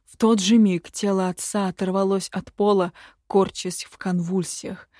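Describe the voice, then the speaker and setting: A woman narrating a fantasy audiobook in the first person, slow and even. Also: medium pitch, dry recording, clean studio sound.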